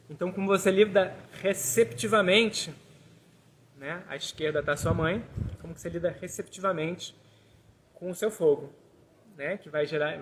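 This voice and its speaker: A man's voice: a little high, fairly bright tone, slight background noise. A man, a tarot teacher guiding a hands-on exercise step by step and checking in with listeners. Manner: talks through steps, tags lines with "né?". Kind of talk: explanatory class with a hands-on exercise.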